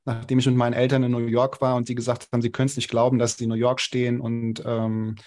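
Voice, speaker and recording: A young adult man speaks fast as a podcast guest, his medium-pitched voice level and somewhat dark. The interview talk is casual, full of hesitations and restarts.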